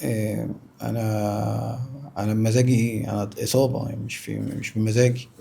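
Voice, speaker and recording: Man, Egyptian accent, natural unscripted interview talk, dark mellow tone, raspy, insistent. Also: on the low side, little pitch movement, a little fast. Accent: Egyptian Arabic. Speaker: interview guest, former professional footballer.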